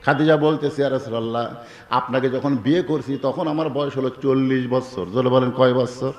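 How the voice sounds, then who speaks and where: A man with a Bangladeshi Bengali accent preaching a sermon to a crowd, calling out for loud answers and swinging between shouts and low murmurs. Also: fairly even intonation, a little fast. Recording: echoey hall sound system.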